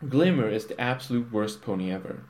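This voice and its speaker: A man's voice: mid-range voice, animated, brisk, darkish tone, pitched above the performer's own voice, close to an everyday voice. A man doing a smug vain pony millionaire. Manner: boastful and teasing. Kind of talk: comic storybook reading.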